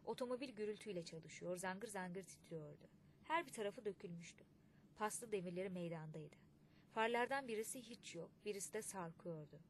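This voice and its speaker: Woman narrating an audiobook, measured. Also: mid-range voice, a little hiss or hum.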